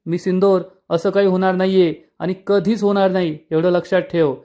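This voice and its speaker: A man's voice: high voice, flat delivery, normal speed, mellow, natural voice. A man voicing a stubborn young businessman who speaks curtly and irritably. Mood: angry. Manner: curt, irritated.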